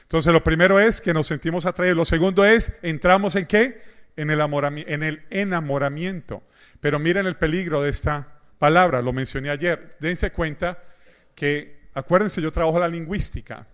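Middle-aged pastor guy preaching, funny and animated, slightly high voice, acts out the convos. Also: normal speed. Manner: animated storyteller, acts out dialogue. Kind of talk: sermon with humor.

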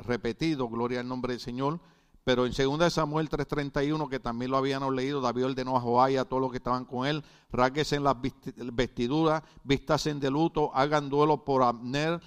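A Puerto Rican man with a smooth, medium-pitched voice preaches a sermon, joking with the congregation. He repeats words and keeps asking "right?" to check they're following.

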